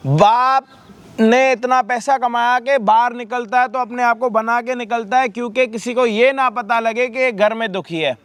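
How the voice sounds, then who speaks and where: A man's voice: very high-pitched, steady tone, moderate pace, fairly bright tone. A man hosting a vlog who harshly rebukes a son, swearing freely. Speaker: vlog host confronting a son. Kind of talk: staged confrontation, scolding.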